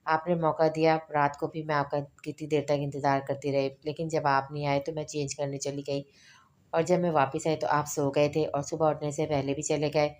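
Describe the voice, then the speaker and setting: A woman's voice: deep voice, level tone, moderate pace, darkish tone, close to an everyday voice. A woman voicing a tearful, pouting young wife who pleads and sulks. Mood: upset.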